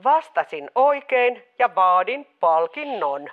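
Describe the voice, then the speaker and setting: A woman voicing a stubborn, pushy mother who keeps phoning in under put-on voices. Her pitch swings widely, and the sound is dull and muffled like a call. It is a radio comedy sketch. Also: very animated, natural voice. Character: meddling mother faking several callers' voices. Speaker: caller, the host's mother in disguise.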